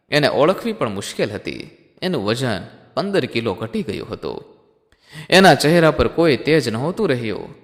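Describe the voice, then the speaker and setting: A male storyteller tells an emotional tale in a dramatic, heartfelt way, often calling out to his listeners as friends. His mid-pitched voice swings widely in tone. A long reverb hangs around it.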